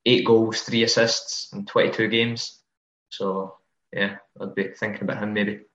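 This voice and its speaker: A man co-hosting a casual fantasy football podcast, relaxed and hedging his picks. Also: lowish voice, measured pace. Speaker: podcast co-host. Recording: roomy, dull lo-fi audio.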